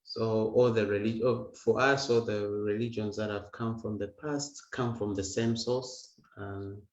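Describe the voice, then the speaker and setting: A man's voice: on the low side, fairly even intonation, measured pace. A man talking casually as a guest musician, stumbling and repeating words as he explains. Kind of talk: singing and casual talk over video call. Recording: echoey, dull lo-fi sound with guitar. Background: guitar music.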